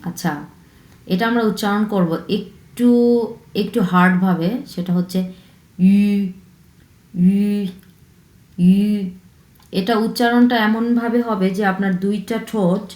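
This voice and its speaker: A woman teacher guides her students through pronunciation, saying every sound three times in a row. She drops English words into her explanations now and then. Her voice sounds roomy, with a clear echo around it. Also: medium pitch, fairly even intonation, darkish tone. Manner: slow, repeats each sound three times. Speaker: Chinese language teacher. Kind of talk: online language lesson.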